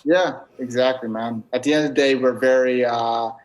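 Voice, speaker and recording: Male podcast guest, medium pitch, casual slangy delivery, tags phrases with "right" and "bro". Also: steady tone, moderate pace. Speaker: podcast guest, video creator. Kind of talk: casual chat.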